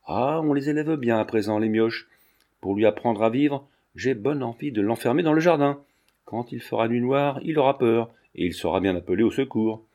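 A man reading a storybook, voicing a gruff but kindly old army sergeant who scolds and blusters. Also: mid-range voice, normal speed, warm tone, highs cut off, natural voice. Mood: scolding. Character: gruff, good-natured old army sergeant park keeper.

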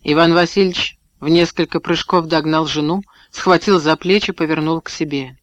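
Brief: male audiobook narrator, slightly high, steady, dry booth sound. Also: normal speed, no echo, highs cut off. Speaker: audiobook reader. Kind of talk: scripted narration.

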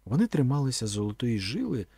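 A man narrating an adventure story as an audiobook reader, in an expressive storytelling manner. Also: mid-range voice, quick pace, breathy edge, dry recording. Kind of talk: scripted narration.

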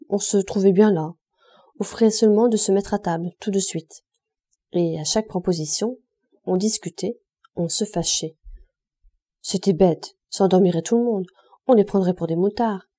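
A woman reading a classic novel aloud as an audiobook narrator, steady and measured. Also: medium pitch, breathy edge.

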